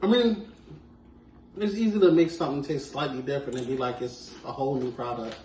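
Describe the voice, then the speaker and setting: A man's voice: mid-range voice, brisk, a little mellow. A man hosting a casual taste-test vlog with friends, chatting informally. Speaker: host. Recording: echoey room, distant mic, faint noise.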